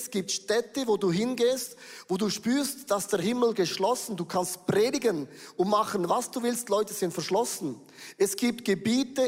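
A pastor preaching a sermon in a high, light voice, speaking to the congregation and often asking them questions. His delivery is lively and direct. The sound carries a long reverb, as in a church hall.

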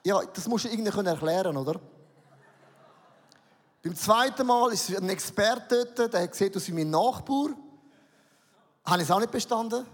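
Swiss German pastor in an echoing hall. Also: male voice, sits high, expressive, moderate pace, long pauses. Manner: humorous storytelling, self-mocking, with acted dialogue. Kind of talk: sermon. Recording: reverberant hall.

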